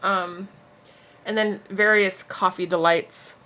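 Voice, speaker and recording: A woman's voice: mid-range voice, fairly even intonation, slow, sharp tone. A young adult woman co-hosting a podcast in casual chat, chatty and laughing often, with "like" in every sentence. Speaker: podcast co-host.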